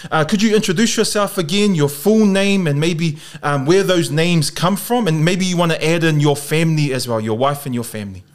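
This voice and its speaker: Pacific Islander New Zealand man hosting, higher-pitched. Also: brisk, hardly any pauses. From South Auckland, New Zealand. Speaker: podcast host.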